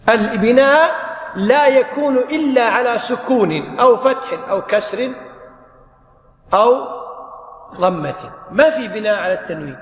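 High-voiced man teaching in an echoey hall. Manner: explains step by step, repeats key phrases, asks and answers his own questions. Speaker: Arabic grammar teacher. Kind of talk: classroom grammar lesson.

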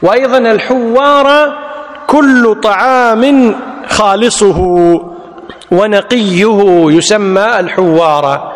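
A man's voice: sits high, takes it slowly. A man teaching a lesson, who repeats each word and quizzes his students. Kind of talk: classical Arabic text lesson. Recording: long hall reverb.

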